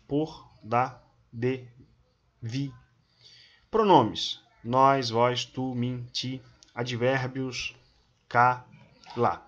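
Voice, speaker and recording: Guy teaching grammar really slowly, word by word lists, kinda dull muffled audio. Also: mid-range voice, a bit bright. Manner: reads long lists of examples one word at a time. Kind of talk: slow instructional reading of word lists.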